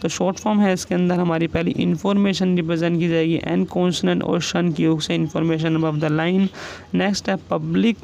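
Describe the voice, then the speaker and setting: High gravelly male shorthand teacher. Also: little pitch movement, a little mellow, rough recording. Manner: dictates each example word slowly and repeats it. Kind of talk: classroom explanation.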